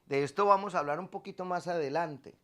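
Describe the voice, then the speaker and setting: A man's voice: high-pitched, a little fast. A man, a priest preaching a sermon and stressing points by repeating phrases.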